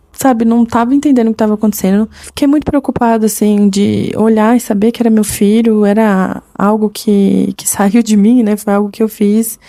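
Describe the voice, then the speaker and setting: A young Brazilian woman talks through a personal story in a candid, reflective way, dropping little check-in tags as she goes. Her voice is mellow and relaxed in tone. The sound is dry and close, with no room around it. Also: mid-range voice, no room sound. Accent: Brazilian Portuguese. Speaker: podcast host. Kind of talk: personal confessional podcast talk.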